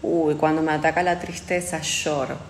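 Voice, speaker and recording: A young adult woman hosts a casual livestream from her phone, reading out viewer comments and answering them candidly in a chatty way, swearing often. Her voice is low-pitched with little pitch movement and a moderate pace, and the room is echoey with long reverb.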